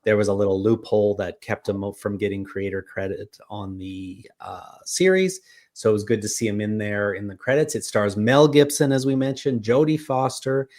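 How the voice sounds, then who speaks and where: A man's voice: lowish voice, moderate pace, a little mellow. A man hosting a casual film podcast, rambling through credits and filming places with many fillers. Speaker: podcast host.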